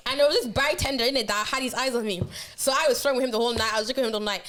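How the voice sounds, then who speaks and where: Fast-talking young woman storyteller. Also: a little high. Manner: animated, swearing, slangy storytelling. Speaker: podcast co-host. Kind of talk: casual storytelling chat.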